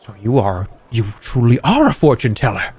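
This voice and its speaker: A man's voice: mid-range voice, sing-song, moderate pace, a little mellow, slightly rough, soft background music. A man reading game narration aloud on a livestream in a playful, theatrical way. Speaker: game streamer.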